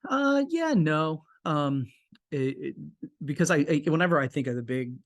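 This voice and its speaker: A man's voice: on the high side, expressive, moderate pace. A man from the United States co-hosting a casual business podcast, talking in an easy, agreeable way. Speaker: podcast co-host.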